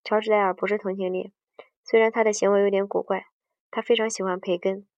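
Quick-paced and level in tone, a mid-range female voice works through a book aloud with frequent hesitations, restarts, and self-corrections in the middle of sentences. There's no echo; the sound is dry, dull, and remote.

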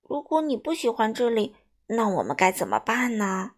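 A woman voicing a good-natured, sleepy male painter in a storybook, mumbling softly. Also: fairly high pitch, sing-song, moderate pace. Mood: puzzled. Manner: mumbling, drowsy.

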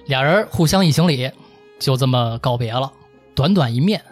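A man with a Beijing accent hosts a history story told in a casual, colloquial style, acting out the characters' dialogue as he narrates. His medium-pitched voice is animated and moves at a moderate pace, with faint music in the background.

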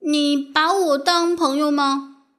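A woman's voice: high voice, steady tone, takes it slowly, a bit bright. A woman reading as an earnest young girl. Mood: curious. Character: earnest young girl, impulsive but sincere.

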